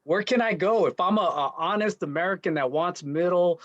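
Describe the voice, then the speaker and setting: A man in a casual panel chat talks earnestly and leans on "you know" and "like". His voice sits a little high. The sound is dry and slightly dull. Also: a little fast, no room sound. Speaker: panel guest.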